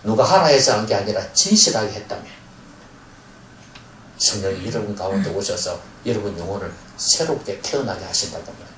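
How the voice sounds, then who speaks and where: Earnest preacher in an echoey church. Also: male voice, on the low side, lively intonation, brisk, a bit bright, slight background noise. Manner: earnest, rhetorical questions to the congregation. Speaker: pastor. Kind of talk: sermon. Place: church sanctuary. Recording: echoey church hall, mic far off.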